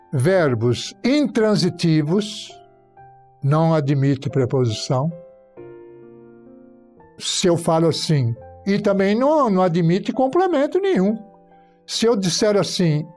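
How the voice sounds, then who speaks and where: A man's voice: high-pitched, a little mellow. A man, a Portuguese teacher, explaining grammar with example sentences on a church talk program. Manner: teacherly, illustrating points with spoken example sentences.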